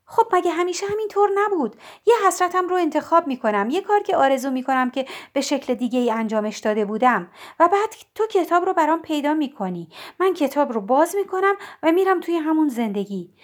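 A woman voicing an anxious young woman who pleads and questions in a high voice. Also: big pitch swings. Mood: insistent.

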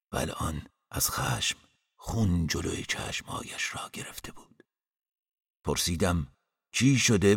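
A man narrating a first-person story in a calm, measured storytelling voice as an audiobook narrator. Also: sits low, creaky, breathy edge, no echo, studio quality.

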